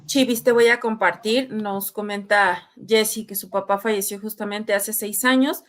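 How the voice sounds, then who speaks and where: A woman's voice: medium pitch, fairly even intonation, normal speed, fairly bright tone. A woman hosting a conversational talk program, thoughtful and engaged, reading listener messages aloud. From Mexico. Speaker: talk show host.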